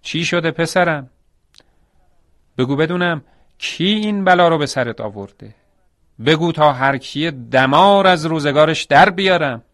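A man's voice: mid-range voice, fairly bright tone, dry recording, clean studio sound, lightly acted. A man voicing a vengeful village landlord. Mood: anxious, furious.

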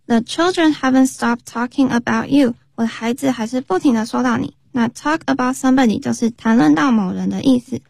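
A woman's voice: fairly high pitch, a little fast, vocal fry, hardly any pauses, a little mellow, dry recording. A woman co-hosting a radio lesson, reading each dialogue line in English and then in translation. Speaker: co-host reading dialogue lines.

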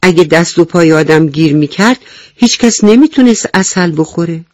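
A woman voicing an eager, greedy little ant in a children's radio story, in a high, excited voice that calls out. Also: dry recording, natural voice.

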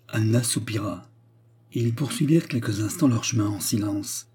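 A man calmly narrating a novel as an audiobook reader. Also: on the low side, normal speed. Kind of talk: scripted narration.

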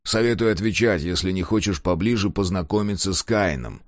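A man's voice: low voice, expressive, a little fast, no echo, studio quality. A man voicing a brutal, short-tempered male mercenary, cold and menacing in an audiobook.

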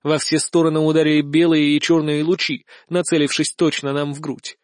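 A man narrating a first-person audiobook in a lively, ironic storytelling manner. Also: a little high, a little fast, no room sound, clean studio sound.

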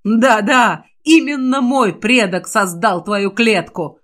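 A woman's voice: on the high side, takes it slowly, a bit bright. Woman reader doing a gloating, mocking young death mage for a fantasy audiobook. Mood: triumphant. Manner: mocking, laughing.

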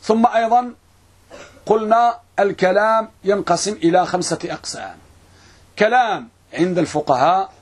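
A man with a high, somewhat husky voice teaches a classroom grammar lesson. He draws out lines of verse slowly and keeps putting questions to his students. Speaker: Islamic scholar teaching grammar.

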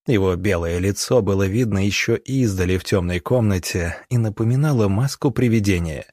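A man narrating an audiobook at a measured, even pace. His voice is low and husky, recorded dry and close. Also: dry recording.

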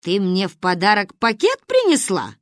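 A commanding old grandmother with a booming, gruff voice and a dry, mocking edge, put on by a woman reading a storybook aloud. Her voice leaps through a wide, lively range, and the recording is close and dry with no room sound. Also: normal speed, no room sound. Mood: gruff teasing. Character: stern booming old grandmother, sharp-tongued.

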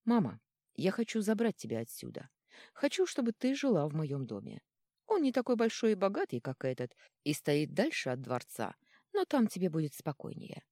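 An earnest, resolute young man, voiced by a woman reading the story, steady and sincere as he pleads and defies. The tone is mellow and close, with a lively lift. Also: on the low side, moderate pace, no room sound. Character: young man standing up to his father, resolute.

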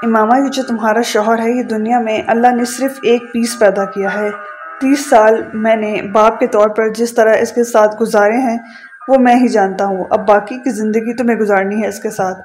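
A woman reading the part of an older father lecturing his daughter-in-law in a measured, knowing way. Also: on the high side, fairly even intonation, darkish tone, soft background music, natural voice.

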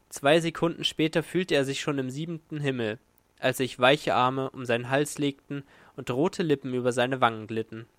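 A man narrating a pulp novel as an audiobook, measured and drawn out at tense moments. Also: medium pitch, fairly bright tone, no room sound. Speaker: audiobook reader.

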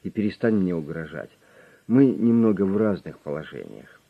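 A man voicing a calm, menacing middle-aged gang boss who mocks his captive with cold smugness. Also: low-pitched, moderate pace, creaky, narrow, tinny audio, heavily acted. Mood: cold, mocking. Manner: smug, coldly mocking.

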